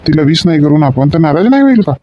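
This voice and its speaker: A man's voice: fairly high pitch, very animated, fast talker, warm tone. An actor playing a forgetful middle-aged father in a comedy sketch, grumbling and asking questions again and again. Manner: grumbling, asks questions repeatedly. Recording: dull lo-fi recording.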